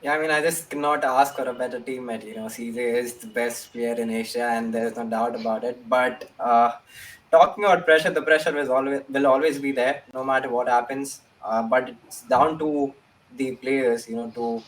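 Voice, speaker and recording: A man's voice: medium pitch, steady tone, normal speed. Young man, far from the mic. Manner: earnest, repeats his key phrases. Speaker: esports player. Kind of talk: casual interview answers. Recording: voice distant from the mic.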